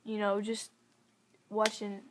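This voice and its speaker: A woman's voice: mid-range voice, completely flat delivery, takes it slowly, slight background noise. A young woman telling a story to camera in a casual vlog, chatty and giggly, full of "like" fillers. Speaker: vlogger.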